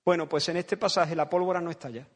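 High-voiced dramatic Spanish preacher. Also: male voice, fairly even intonation, quick pace. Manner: dramatic, acts out biblical voices, repeats phrases for emphasis. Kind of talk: sermon.

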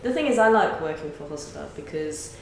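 A woman who works in animation, talking in a measured, thoughtful way in a casual chat. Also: sits low, animated, a little mellow. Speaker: animation industry guest. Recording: roomy echo, faint noise.

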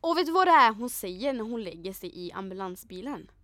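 A woman's voice: fairly high pitch, very animated, bright, forceful tone, no room sound, studio quality. A young woman from Sweden in casual chat, retelling a night out with acted quotes and lots of fillers. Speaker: storyteller in a chat.

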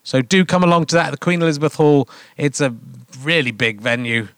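A man's voice: on the high side, fairly quick, a bit bright. A man of fifty hosting a live comedy podcast on a theatre stage, chatting in a self-mocking, rambling way full of fillers. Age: 50s. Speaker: podcast host. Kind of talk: comic stage banter.

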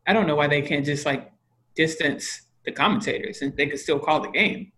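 Man, slightly higher pitch; hesitant, musing sports-chat co-host. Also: fairly quick, bright, forceful tone. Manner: musing, hesitant, many fillers and restarts. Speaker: podcast co-host.

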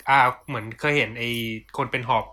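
Bright-voiced young Thai man joking. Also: mid-range voice, fairly even intonation, fairly quick. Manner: joking, crude slang, mock-formal sign-offs. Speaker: podcast host. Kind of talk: casual chat among friends.

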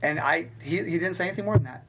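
A man talking as a guest in a casual interview, telling stories from his working life in an animated way, with big swings in pitch and quick restarts. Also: husky. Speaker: fitness instructor and guest. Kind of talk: storytelling in a conversational interview.

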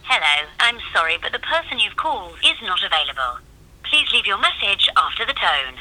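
A woman's voice: mid-range voice, very animated, brisk, sharp tone. A woman's recorded voicemail greeting, heard over a phone line as a polite, scripted prompt. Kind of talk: recorded automated phone message.

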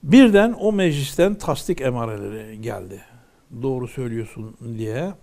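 A man's voice: mid-range voice, expressive, normal speed, creaky, darkish tone. A man teaching from a religious text, reading ornate old wording aloud and then explaining each phrase in plain words.

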